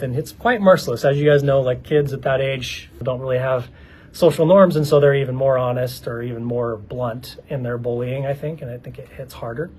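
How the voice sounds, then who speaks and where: A man's voice: medium pitch, darkish tone, a little hiss or hum, poor audio. Earnest man sharing life lessons. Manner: earnest, conversational, addresses viewers directly. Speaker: vlogger. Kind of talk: reflective personal storytelling to camera.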